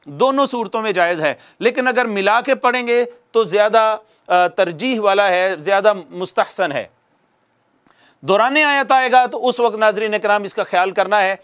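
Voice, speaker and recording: A man with a notably high voice teaches Quran recitation in a video lesson. He speaks patiently to his viewers and repeats key phrases for emphasis. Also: a bit bright, smooth. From Pakistan.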